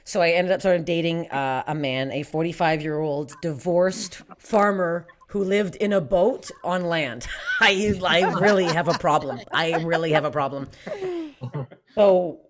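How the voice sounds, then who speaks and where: A woman's voice: on the low side, unhurried, slight background noise. A young woman from Canada doing a raunchy stand-up set online, brash and self-mocking, swearing often and laughing through her lines. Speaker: stand-up comedian. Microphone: streamed stand-up.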